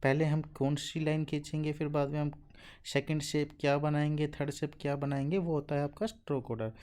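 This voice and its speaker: A man teaching a beginner language lesson, reciting syllables slowly and answering his own questions, with a constant "okay?". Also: on the high side, level tone, a little mellow. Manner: asks questions and answers them himself, says "okay" constantly; slow, drilled recitation of syllables. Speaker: Japanese teacher. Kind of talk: classroom-style lesson explanation.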